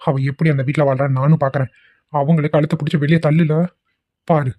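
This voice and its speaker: A man's voice: on the high side, level tone, quick pace, dry recording, lo-fi sound, natural voice. A man voicing an arrogant, threatening middle-aged son who quarrels with his mother in a cartoon. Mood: angry. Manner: harsh, threatening. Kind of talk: cartoon voice acting.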